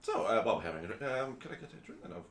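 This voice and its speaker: A man in a low register talks with lively, swooping intonation, hedging with ums as he plays a courteous character. The room around him is echoey. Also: very fast. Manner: hesitant, full of ums, playing a polite character. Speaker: player. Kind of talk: casual game-table chat.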